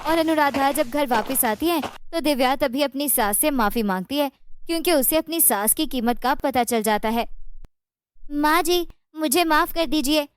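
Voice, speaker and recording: Storybook narrator, woman, high voice, dry close recording. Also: moderate pace, clear, resonant tone, no echo.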